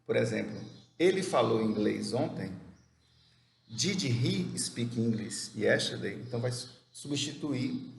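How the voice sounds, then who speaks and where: A man teaching an English grammar lesson who explains step by step, asks questions and answers them himself, and reads the English examples slowly and carefully. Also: medium pitch, creaky. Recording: echoey room with faint background noise.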